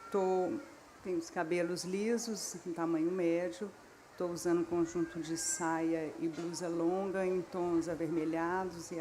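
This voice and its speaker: A woman's voice: on the low side, darkish tone, a little hiss or hum. A woman with a Brazilian accent, an author and journalist, explaining her story plainly on a festival panel. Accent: Brazilian Portuguese. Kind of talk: panel talk. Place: stage at a literary festival.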